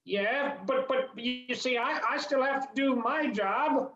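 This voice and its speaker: Give me a man doing a hesitant greedy conductor, high-pitched, echoey. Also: slow pace, fairly bright tone, muffled recording, full character voice. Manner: stammering, hedging. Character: greedy middle-aged train conductor, hesitant.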